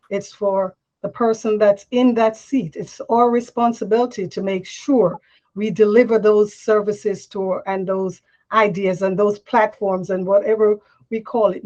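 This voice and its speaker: A woman's voice: medium pitch, a little mellow. An older woman from Jamaica, a mayor running for office, answering firmly and with self-assurance in a panel interview. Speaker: mayor and candidate. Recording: dull lo-fi sound.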